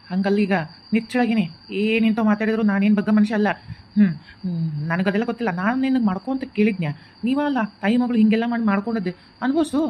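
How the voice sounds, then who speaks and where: A woman's voice: on the high side, close to an everyday voice. A woman voicing a grieving young husband in a cartoon who rejects his new wife, with a North Karnataka Kannada accent, bitter and stubborn. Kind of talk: cartoon voice acting. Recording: muffled lo-fi home recording.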